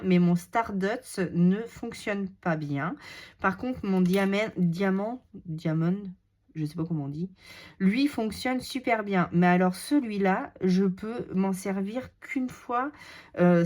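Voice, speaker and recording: A woman's voice: medium pitch, a little mellow. A woman with a cold chatting casually through a craft tutorial, muttering self-deprecating asides to herself as she works. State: has a cold. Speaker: scrapbooking crafter demonstrating a page. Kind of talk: casual craft tutorial, talking while working.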